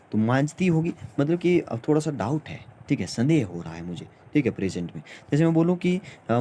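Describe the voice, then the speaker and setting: A man teaching a grammar lesson in an informal manner, repeating himself and often pausing on fillers. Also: medium pitch, mellow, slight background noise.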